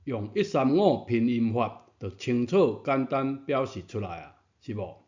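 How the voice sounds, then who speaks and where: Guy teaching, slow and patient, kinda dull lo-fi sound. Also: mid-range voice, expressive, a little mellow. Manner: patient, repeats key points, rhetorical questions. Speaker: Taiwanese language teacher. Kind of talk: explanatory lesson narration.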